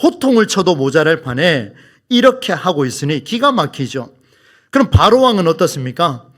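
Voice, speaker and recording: High, lively-voiced male pastor preaching. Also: moderate pace. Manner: emphatic, questioning preaching that keeps addressing the congregation. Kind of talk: Sunday morning sermon. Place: church sanctuary.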